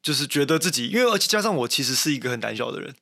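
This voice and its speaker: A man's voice: mid-range voice, sing-song, rapid-fire, gravelly, bright, forceful tone. A young man with a Taiwanese Mandarin accent, a mountaineer guest talking casually and thoughtfully, with many restarts and a self-deprecating manner. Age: young adult. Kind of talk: casual interview talk.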